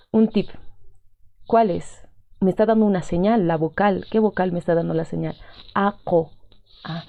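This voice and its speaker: A woman's voice: medium pitch, gravelly, dry recording. A woman teaching a language class with a Peruvian Spanish accent. She explains patiently, repeats her points and keeps checking in with her students. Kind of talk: explaining a lesson step by step. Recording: dull lo-fi audio.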